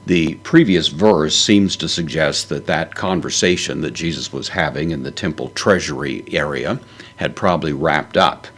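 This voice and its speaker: A man's voice: a bass voice, a bit bright, slightly rough. A man teaching a Bible lesson, working through a Greek verse word by word in a methodical way with frequent fillers.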